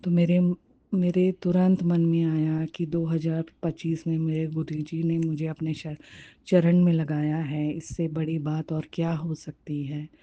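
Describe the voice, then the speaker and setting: A woman's voice: low-pitched, little pitch movement, unhurried, muffled recording. A woman sharing a devotional testimony and fervently repeating her words of thanks.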